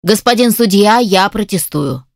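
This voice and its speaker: A woman's voice: medium pitch, animated, measured pace, creaky, no echo. Lady doing an indignant lawyer guy, always protesting, dry close sound. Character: indignant male defense lawyer, quick to object.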